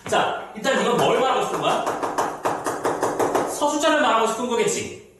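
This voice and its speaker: A middle-aged man teaching a literature lecture to students, chatty and lively, reading passages aloud and acting out the characters. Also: extremely high pitch, brisk. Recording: very echoey room, mic off at a distance, faint noise.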